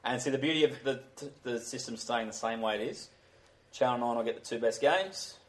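Fast-talking, emphatic man. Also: mid-range voice, fairly bright tone, rough recording. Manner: emphatic, argumentative. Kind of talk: casual podcast chat.

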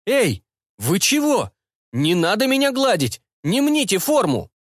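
A frantic cyborg repairman shrieks and begs in a strained, high voice that swoops up and down, as a man reads him in an audiobook. The sound is close and dry. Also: wildly swooping pitch, no echo, heavily acted. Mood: panicked. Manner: high, shrill, rapid pleading. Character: panicky male cyborg mechanic, pleading and indignant. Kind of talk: audiobook character voice.

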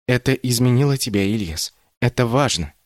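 A man's voice: mid-range voice, lively intonation, normal speed, no echo, studio quality, natural voice. A man doing Mama Rila, a loving stern storyteller. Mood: tender. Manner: tender, pleading, then proudly stern.

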